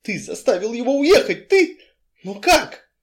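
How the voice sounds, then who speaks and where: A male reader voicing a reckless, fiery young woman who shouts and demands the truth. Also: very high voice, very animated, unhurried, pitched above the performer's own voice, full character voice. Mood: angry, demanding.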